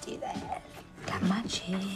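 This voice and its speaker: A woman's voice: mid-range voice, level tone, measured pace, gravelly, heavy background noise. An actress playing a young woman waiting for her food in a TV comedy-drama, casual and expectant.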